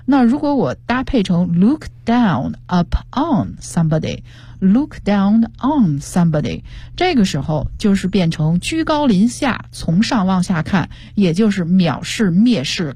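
A woman's voice: lowish voice, sing-song, a little slow, warm tone, husky, no room sound. A woman guest teacher on a radio show, explaining English words and pronunciation with example sentences. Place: radio studio. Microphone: studio microphone.

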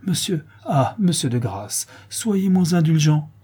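A man's voice: a little high, moderate pace, warm tone, husky. A man reading aloud voices a wily, obsequious house steward who pleads humbly. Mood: pleading.

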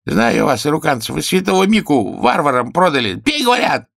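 A high, nasal, whining old king in an audiobook. He is capricious and querulous, barking orders in a lively, swooping voice with a gravelly edge. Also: brisk, no echo, studio quality, heavily acted. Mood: petulant abusive. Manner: querulous, bossy, shouting demands.

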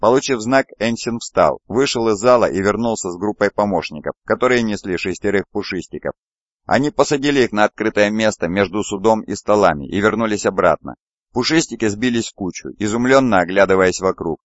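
A male audiobook reader narrates in a low, steady voice. The sound is dry and close, with a slightly dull, lo-fi tone. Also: fairly quick, no echo. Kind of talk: scripted narration.

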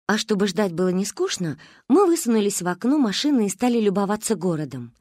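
A woman reading a children's story aloud in an expressive, lively storybook narration. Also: mid-range voice, brisk, dry recording, studio quality. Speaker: audiobook reader.

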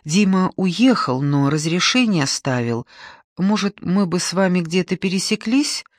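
A woman reader voicing a gentle, soft-spoken adult woman who sniffles as if holding back tears. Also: on the low side, animated, moderate pace, no echo, studio quality, close to an everyday voice.

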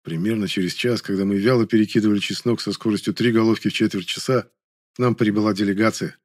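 A man's voice: fairly low pitch, steady tone, quick pace, no echo. A man reading an audiobook with dry, ironic storytelling. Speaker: narrator. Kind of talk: audiobook narration.

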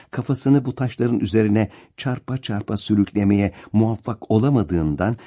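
A man's voice: lowish voice, dark tone. A man narrating a novel as an audiobook, with a dramatic, varied delivery. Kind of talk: expressive literary narration.

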